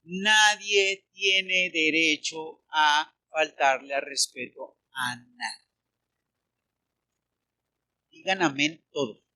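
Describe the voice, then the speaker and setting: A Mexican man preaches a sermon in a ringing, forceful voice. His pitch sits high for a man, and he keeps asking the congregation for agreement. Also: extremely slow, long pauses. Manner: animated preaching with rhetorical questions to the congregation. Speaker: pastor.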